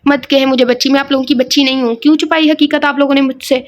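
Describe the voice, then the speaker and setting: A woman's voice: sits high, steady tone, close to an everyday voice. A woman voicing a hurt young woman who pleads and accuses through tears, reading a novel aloud. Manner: pleading, upset.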